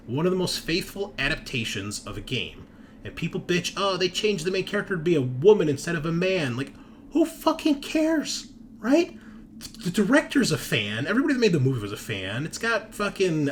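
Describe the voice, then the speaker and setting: A slightly high, fairly bright male voice belongs to the host and game master of a tabletop roleplaying show, who chats bluntly and casually with plenty of swearing. Ranting, he stresses points with tags like "right?" and "okay?"; the recording carries a faint hiss or hum.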